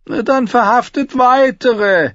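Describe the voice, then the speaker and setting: A man voicing a quick-witted, sardonic dwarf nobleman, talking loud and teasing in a raised voice. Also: very high voice, no room sound, lo-fi sound, voice pushed up, full character voice. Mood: mocking.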